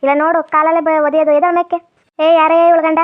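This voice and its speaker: A woman's voice: very high-pitched, level tone, rapid-fire. A woman playing a hot-tempered woman police officer who scolds and gives orders. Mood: scolding. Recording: tinny phone-like sound.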